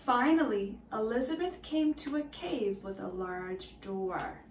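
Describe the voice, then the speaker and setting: Taking it slowly in a fairly high voice, a woman teacher reads a picture book to small children. Her storytelling is expressive, broken by whispered, hushed asides.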